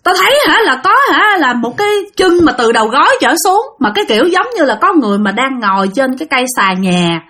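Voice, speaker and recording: A woman's voice: very animated, fast talker, hardly any pauses, sharp tone, full character voice. A woman voicing a frightened man who insists he saw legs dangling from the rafters. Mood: panicked insistent. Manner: shrill, insistent, frantic.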